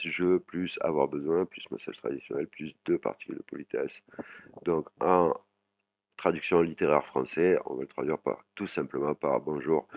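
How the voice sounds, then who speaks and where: Guy with a really low voice doing a language lesson, keeps saying hein, dry muffled sound. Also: no room sound. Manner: frequent "hein" tags, slow drawn-out sample words. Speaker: language teacher. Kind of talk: explaining vocabulary in a language lesson.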